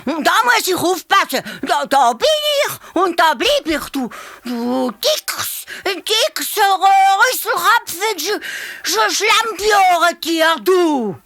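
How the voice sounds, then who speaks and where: A woman's voice: very high-pitched, big pitch swings, takes it slowly, a bit bright, pitched above the performer's own voice, exaggerated voice. A woman with a Swiss German accent voicing a cheeky little male hare who stammers and blusters. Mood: blustering bossy.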